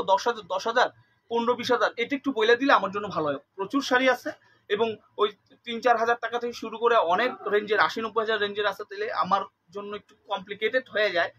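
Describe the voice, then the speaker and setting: Bright-voiced man selling sarees live. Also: high voice, poor audio. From Bangladesh. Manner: chatty, repeats details, switches into English words. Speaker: saree seller on a live stream. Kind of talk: live sales pitch.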